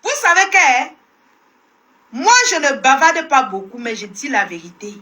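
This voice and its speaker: A woman's voice: sits high, very animated, moderate pace, sharp tone. A woman with a Cameroonian French accent hosting a live stream. She scolds her viewers and repeats herself in a combative rant. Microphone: phone live stream.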